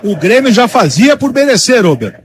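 A male radio pundit analyses a football match live. His voice sits clearly high for a man. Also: big pitch swings, moderate pace.

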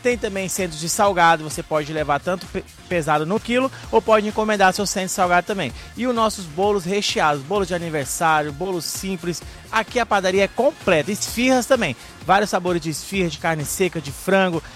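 High-voiced Brazilian man, market barker. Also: a little fast, a bit bright, faint music behind. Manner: market barker reeling off products and prices. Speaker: supermarket spokesman reading out offers. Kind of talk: live radio promotional pitch.

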